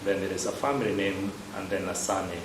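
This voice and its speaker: A man from Kenya with a Kenyan accent, a parish priest answering interview questions in a measured, hesitant way. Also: low-pitched, steady tone, noisy background. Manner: measured, unhurried, with frequent hesitations. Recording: roomy echo with loud background ambience.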